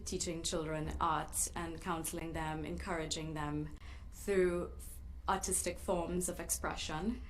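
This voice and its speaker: A woman's voice: fairly low pitch, slight background noise, poor audio. A twenty-five-year-old woman from Trinidad and Tobago, giving a passionate, rehearsed pageant self-introduction. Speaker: pageant contestant.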